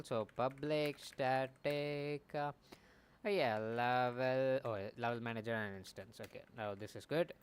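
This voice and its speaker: This is casual live coding commentary from a young man building a game on stream. His mid-range voice sounds smooth through the desk mic, and he rambles, thinks out loud and corrects himself.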